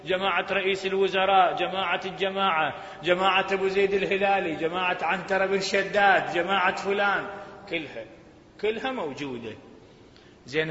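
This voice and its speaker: Impassioned Iraqi preacher in echoey hall. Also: male voice, high-pitched, bright, forceful tone. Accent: Iraqi Arabic. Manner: impassioned, rising and falling delivery. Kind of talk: sermon. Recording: echoey hall, dull sound.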